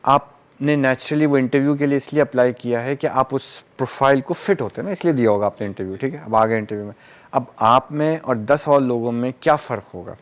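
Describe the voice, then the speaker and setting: A man, a psychiatrist guest who explains through everyday examples and mixes English terms into his talk. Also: medium pitch.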